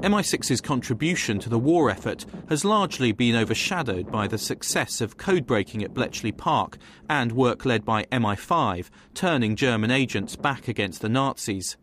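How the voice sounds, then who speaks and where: A man giving scripted documentary narration in a measured, even delivery. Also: medium pitch, slight background noise.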